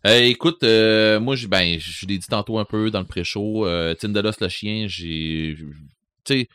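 A man's voice: fairly low pitch, a little slow, fairly bright tone, clean tone, no room sound. A man with a Québécois accent, co-hosting a podcast in casual chat, rambling with many fillers and restarts. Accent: Québécois French. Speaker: podcast co-host.

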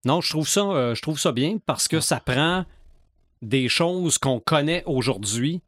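A man with a Québécois accent, co-hosting a podcast, talking in a thoughtful, measured way. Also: a little high, animated, a bit bright, no echo. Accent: Québécois French. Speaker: podcast co-host. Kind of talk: casual chat.

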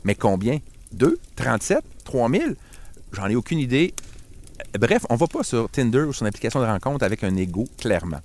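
A man's voice: mid-range voice, big pitch swings, brisk, darkish tone. A man with a Québécois French accent, a tech guest on a podcast, telling a self-mocking story in casual chat. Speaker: podcast guest, tech and social media expert.

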